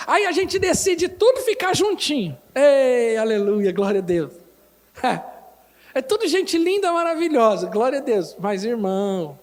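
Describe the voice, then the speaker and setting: A male pastor with a Brazilian accent preaches to his congregation, his voice pitched unusually high. He breaks into animated little impressions of church members. The sound rings with long reverb around the hall. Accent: Brazilian Portuguese. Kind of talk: sermon.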